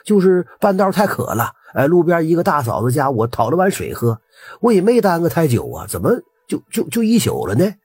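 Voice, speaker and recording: A man's voice: a little high, huge pitch swings, brisk, a little mellow, slightly rough, voice pushed up, heavily acted. A man doing a tipsy, easygoing farmer. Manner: easygoing, hesitant with fillers. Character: tipsy, simple-hearted male farmer, middle-aged.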